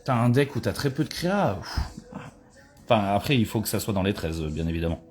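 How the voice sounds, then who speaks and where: A low-voiced man talks through a live card opening in a loose, chatty way. He swears and gets excitable over good cards. Faint music plays behind him, and he sometimes drifts away from the mic. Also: brisk. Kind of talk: casual live booster-opening chat.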